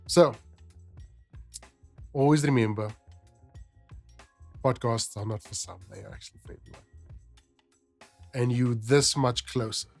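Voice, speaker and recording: With music playing behind him, this man narrates his podcast and talks informally to listeners. His voice leans low with a darkish tone.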